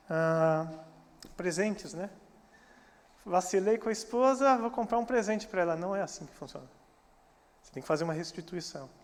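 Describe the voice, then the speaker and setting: A man with a Brazilian Portuguese accent preaching a sermon as pastor, animated and acting out quoted church members. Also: fairly high pitch. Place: church sanctuary. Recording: church hall reverb.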